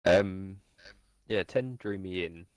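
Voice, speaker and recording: A man chatting on a gaming stream, hesitant and laid-back as he gathers his thoughts. His voice is very deep. The sound is dry and close to the mic. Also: takes it slowly, a little mellow, no echo. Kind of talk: casual chat on a gaming stream.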